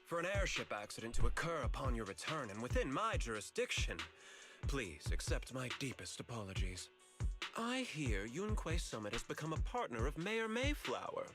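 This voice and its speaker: A man's voice: mid-range voice, big pitch swings, normal speed. A man voicing a smug, suave corporate executive villain in a video game, formal and polished with veiled threats. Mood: formal, smooth. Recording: loud music behind the voice.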